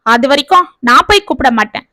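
A furious, bitter husband and father rants and scolds his family in a raised voice, as a woman puts him on in a storybook reading. The voice sits high, and the sound is dry and close. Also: fairly quick, pushed and bright, dry recording. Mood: angry. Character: angry, bitter middle-aged husband and father.

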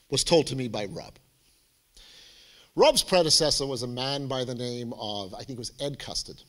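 Lively, theatrical middle-aged man speaking. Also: mid-range voice. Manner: theatrical, emphatic, wry. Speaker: keynote speaker. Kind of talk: humorous public talk.

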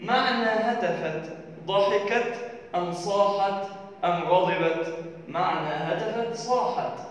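A man teaching a primary school lesson, reading textbook questions aloud slowly and then giving the answers. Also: sits high. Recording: echoey hall from far off.

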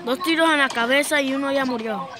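A woman's voice: high-pitched, brisk, very noisy. A woman teasing and mocking the players as she comments on a game. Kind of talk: casual commentary over a game.

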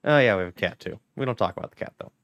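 A man's voice: fairly low pitch, animated, racing, fairly bright tone, dull audio, slight background noise. Joking man streaming a train game. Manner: joking, chatty, talks to chat. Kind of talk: live-stream gameplay commentary.

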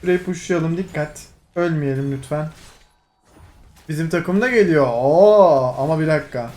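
A young man giving lively, excitable commentary over his own gameplay, teasing teammates, laughing and shouting now and then. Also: a little high, moderate pace. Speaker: gaming streamer.

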